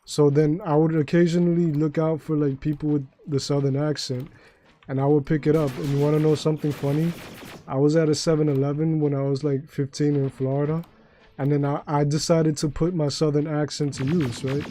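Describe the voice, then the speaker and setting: A man's voice: on the high side, flat delivery, fairly quick, warm tone. A young man from New York chatting casually and telling rambling, profane stories while streaming a game. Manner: profane, rambling, jokey storytelling. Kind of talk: casual live-stream chat while gaming.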